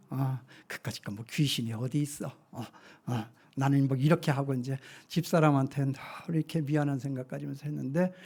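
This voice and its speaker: A male pastor in his sixties preaching a sermon, telling stories with feeling and swinging from hushed to loud. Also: fairly high pitch. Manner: emotional storytelling, shifting from hushed to loud. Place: church sanctuary.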